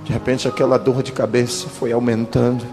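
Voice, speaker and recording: A man in his thirties, a pastor, giving a dramatic testimony and slowing down for quoted speech. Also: medium pitch, flat delivery. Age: 30s. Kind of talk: testimony sermon. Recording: reverberant hall with music behind.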